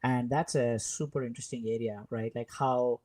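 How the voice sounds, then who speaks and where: A man co-hosting a podcast in casual chat, easygoing and quick to laugh, with many "uh" and "right?" fillers. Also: medium pitch, fairly even intonation, darkish tone. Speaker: podcast co-host.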